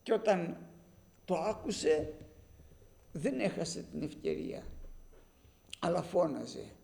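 A man's voice: on the high side, big pitch swings, creaky, mellow. A man preaching a sermon, telling a story with animation and speaking directly to his listeners as brothers.

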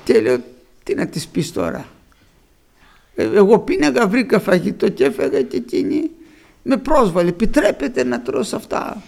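A man's voice: high voice, wildly swooping pitch, gravelly, pauses often, a little mellow. A middle-aged man preaching a sermon to his congregation, telling stories and acting out the people he quotes. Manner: storytelling, acts out quoted speakers.

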